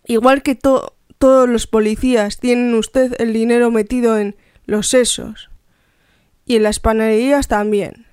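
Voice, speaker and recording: A woman's voice: a little high, level tone, measured pace, a little mellow, clean tone, dry recording, studio quality, lightly acted. A woman reading the lines of a defiant, cheeky teenage boy who mocks a policeman with feigned innocence.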